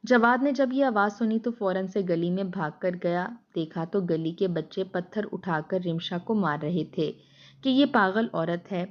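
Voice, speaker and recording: A woman's voice: mid-range voice, highs cut off. A woman narrating a scripted sad story in a somber, moralizing manner.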